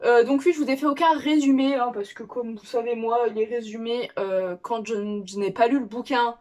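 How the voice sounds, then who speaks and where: A young woman chats on camera about her new books, rambling and correcting herself as she goes. Her voice sits a little high for a woman, with lots of filler sounds between thoughts. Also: steady tone, moderate pace, a little mellow. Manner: rambling, many fillers and restarts; chatty, self-correcting. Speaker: book vlogger. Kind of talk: casual unboxing chat.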